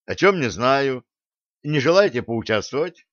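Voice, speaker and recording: A man's voice: medium pitch, big pitch swings, a little slow, no room sound. A man voicing a blunt young male crew member who reports with dry, matter-of-fact wit in an audiobook. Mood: wry. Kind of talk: audiobook character voice. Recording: dull lo-fi audio.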